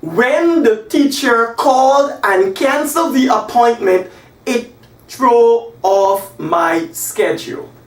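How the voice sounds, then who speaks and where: A Guyanese man in his forties teaches an English lesson at a whiteboard in a small room, animated and gesturing as he spells out example sentences slowly and emphatically. His voice is extremely high-pitched, with soft background music, and a camera across the room picks him up distantly in an echoey space.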